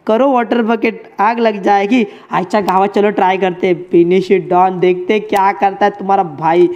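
Male streamer, casual running commentary to chat, muffled low-fi sound. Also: fairly even intonation, moderate pace, darkish tone. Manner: chatty, addresses chat and friends as bhai. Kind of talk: casual live game commentary.

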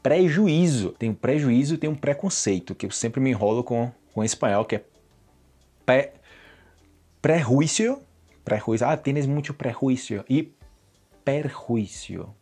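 A man's voice: mid-range voice, normal speed. A young Brazilian man teaching Portuguese phrases, acting out the examples as he explains them. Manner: lively, acts out example phrases with shifting voices. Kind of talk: language lesson, explaining phrases.

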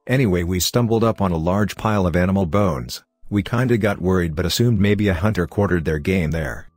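A man with a very deep voice narrates horror stories in a steady, measured way, while soft music plays faintly beneath him.

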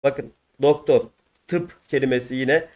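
A man's voice: mid-range voice, unhurried, a little mellow. A man with a Turkish accent teaching an Arabic lesson from a textbook, patiently repeating each word and its meaning for students. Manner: explains patiently, repeats each word twice, addresses viewers as friends. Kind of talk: textbook answer walkthrough lesson.

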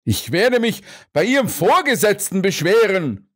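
A man reading an audiobook, voicing a blustering, indignant restaurant owner who protests loudly and huffily. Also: fairly high pitch, lively intonation, a little slow, pitched above the performer's own voice. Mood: protesting. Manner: huffy, loud, protesting.

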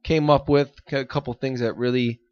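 A man's voice: mid-range voice, steady tone, normal speed, smooth. A man co-hosting a casual fitness podcast, rambling and laughing often. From United States. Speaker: podcast co-host. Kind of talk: casual chat. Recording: dull lo-fi audio.

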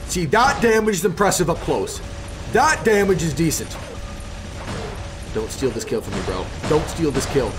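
A fairly high-voiced man commentates his game like a hyped gamer bro. He talks in excitable exclamations and repeated phrases, with music playing underneath. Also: moderate pace. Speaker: gaming video host. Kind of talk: live gameplay commentary.

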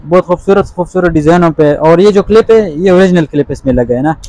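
Man, shopkeeper, casual sales talk, slightly high voice, eager and boastful, market shop. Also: quick pace, darkish tone, dry recording. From Pakistan. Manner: eager salesman praising his goods. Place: crowded outdoor market shop.

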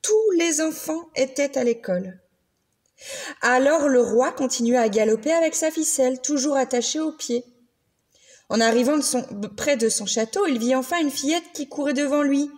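A woman reading a children's picture book aloud, slow and very expressive. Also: sits high. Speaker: children's story reader.

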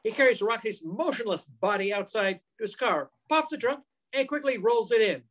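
Narration for an old-time radio crime drama comes from a man in his sixties reading a script at home, captured by a computer mic during a video call. His voice is high-pitched, animated, and fairly bright, at a normal pace.

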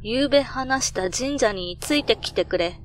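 A woman voicing a grave old grandfather in a horror story, solemn and deliberate. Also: fairly high pitch, animated, soft background music, lightly acted. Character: grave, solemn grandfather chanting a Shinto incantation. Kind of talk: horror story character reading.

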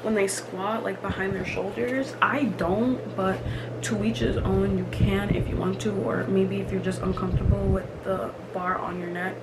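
A woman's voice: mid-range voice, fairly even intonation, moderate pace. A young woman vlogging in casual chat, emphatic and chatty with lots of fillers, in a small room. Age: young adult. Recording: loud room ambience noise.

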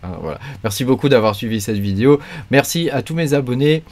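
A man's voice: medium pitch, expressive, a little fast, a little mellow. A man hosting a joking video about crypto mining, talking loosely with constant fillers and small restarts. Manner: rambling, heavy fillers and verbal tics. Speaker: crypto YouTuber. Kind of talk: joking casual video talk.

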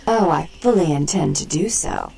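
A woman's voice: deep voice, expressive, normal speed, creaky, warm tone, slightly rough, heavily acted, rough recording. An actress voicing a poised, haughty female vampire who runs a club, speaking formally in a video game.

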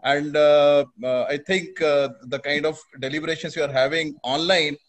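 A man's voice: a little high, fairly even intonation, moderate pace. An older man with an Indian accent giving an informal, hesitant vote of thanks on a video call. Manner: hesitant, rambling. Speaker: webinar participant giving thanks. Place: living room at home, video call. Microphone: wired earphones.

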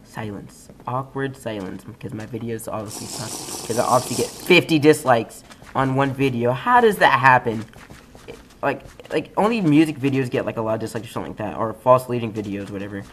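A young man giving casual, rambling commentary over a game, trailing into mumbled asides and then suddenly yelling. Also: mid-range voice, brisk, slight background noise. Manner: rambling, excitable, swings between mumbling asides and sudden yells. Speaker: gaming YouTuber. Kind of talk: casual let's-play commentary.

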